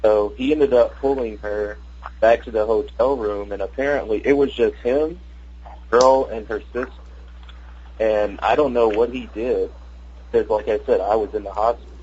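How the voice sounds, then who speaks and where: A man calling in on speakerphone with the phone held away from him, telling a rambling, halting story. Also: lowish voice, steady tone, a little mellow, slight background noise. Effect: on speakerphone, phone held away, muffled. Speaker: caller. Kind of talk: casual call-in chat. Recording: muffled lo-fi phone line.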